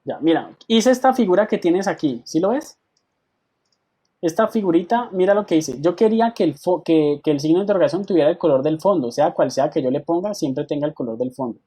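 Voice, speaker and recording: A man teaching an online software class. He patiently explains each step and keeps checking in with his students over a video call. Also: fairly high pitch, expressive, a little fast, husky.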